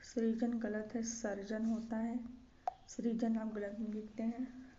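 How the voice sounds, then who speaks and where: A woman's voice: fairly high pitch, flat delivery, measured pace, mellow. A young woman teaching an exam coaching lesson, saying each word again and again and setting wrong spellings against right ones. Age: young adult. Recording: slightly dull lo-fi audio with faint background noise.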